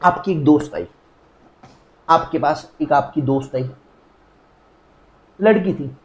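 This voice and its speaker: Indian man, young adult, lively joking lecture, high voice, echoey room. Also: slow. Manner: lively, jokey teaching with acted-out dialogues. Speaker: teacher. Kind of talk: recorded lecture.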